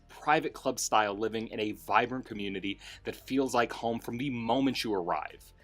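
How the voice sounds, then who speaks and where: A man with a slightly low voice hosts a property tour over light music. His delivery is upbeat and polished like a travel show host, reading scripted promotional narration. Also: fairly bright tone. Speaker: real estate agent and home tour host.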